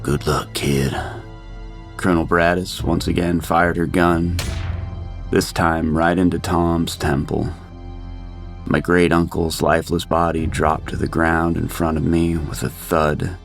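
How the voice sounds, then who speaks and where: A man narrating a first-person horror story in a steady, grim manner. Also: sits low, measured pace, gravelly, soft background music.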